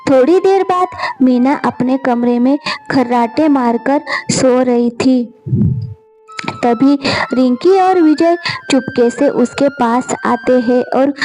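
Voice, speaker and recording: A woman narrating a scripted bedtime story in a plain, steady manner. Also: high-pitched, slow, soft background music, low-quality recording.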